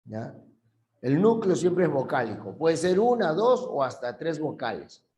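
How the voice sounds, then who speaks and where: A man's voice: fairly high pitch, very animated, measured pace, darkish tone, reverberant, muffled recording. A male teacher giving a classroom language lesson, patiently repeating key terms and checking that students follow.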